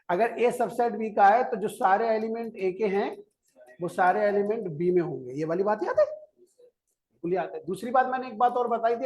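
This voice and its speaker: In a high-pitched voice with a darkish tone, a male maths teacher gives a classroom lecture. He coaxes the students, repeatedly quizzes them, restates every key step, and presses them to listen before they start writing.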